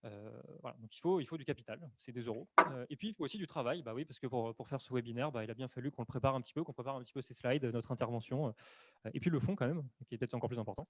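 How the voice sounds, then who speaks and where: Fast-talking man presenting a webinar. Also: medium pitch, darkish tone. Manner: hesitant, many fillers and self-corrections. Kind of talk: explanatory webinar talk. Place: room at home or office, on camera. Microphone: desk microphone.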